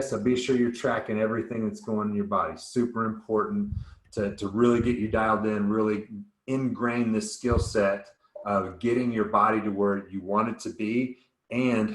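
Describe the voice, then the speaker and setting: A man's voice: fairly low pitch, echoey room. A man coaching a group on nutrition in a casual, upbeat way, rambling a little and often restarting words.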